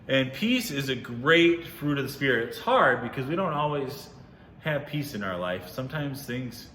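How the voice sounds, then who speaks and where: A man's voice: mid-range voice, bright, forceful tone, roomy sound, big-room sound, a little hiss or hum. A man leading a casual, upbeat Bible lesson for children on video, chatty and often correcting himself. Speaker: youth ministry teacher.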